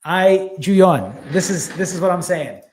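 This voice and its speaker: A man's voice: high-pitched, lively intonation, unhurried, a little mellow, slight background noise. A man, casually hosting a live stream, reading viewer comments and thanking people by name, a little out of breath. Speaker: fasting channel host.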